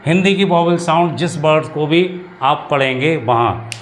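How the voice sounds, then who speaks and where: A man teaching English grammar in a classroom-style lesson, explaining slowly and repeating himself often. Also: a little high, a little hiss or hum. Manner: explains slowly with many repetitions and restarts.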